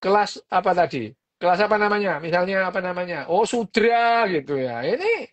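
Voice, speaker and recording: A woman's voice: on the low side, expressive, normal speed, highs cut off. A woman, hosting a podcast and explaining a book in a casual, chatty way, full of fillers and little jokes.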